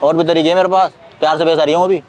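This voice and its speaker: A man playing a swaggering small-time male street thug who talks rough, boastful and bullying, in a staged sketch. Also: on the high side, flat delivery, racing, a little mellow, a little hiss or hum, lightly acted. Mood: menacing.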